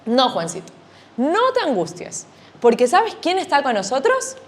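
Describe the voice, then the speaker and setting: A woman's voice: very high voice, wildly swooping pitch, measured pace, full character voice. Woman doing a soothing storybook mother. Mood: reassuring. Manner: soothing, gentle. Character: calm, reassuring mother.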